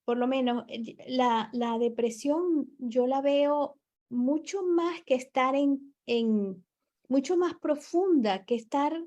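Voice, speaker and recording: Slow, high-voiced woman with a mellow tone. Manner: searching, restarts often mid-thought. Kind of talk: reflective conversational talk.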